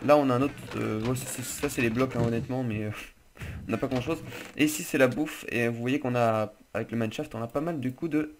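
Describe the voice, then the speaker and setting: A man hosting casual game commentary. He sounds chatty and loose, with plenty of joking and casual swearing. His voice sits at an ordinary middle pitch. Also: fairly quick, a little hiss or hum. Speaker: gaming channel host.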